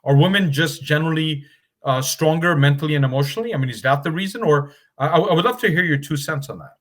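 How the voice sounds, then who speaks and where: A man hosting an online session, asking questions in a halting way with many fillers. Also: a little high, a bit bright. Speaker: event host.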